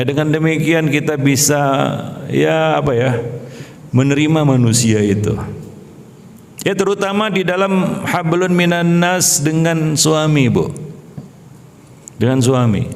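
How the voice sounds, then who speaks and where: Male preacher, lively and conversational, slightly high voice, long mosque-hall reverb. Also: creaky. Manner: conversational, asks the audience questions; lively, jokes and laughs with the audience. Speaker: Islamic preacher. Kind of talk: mosque study sermon to women.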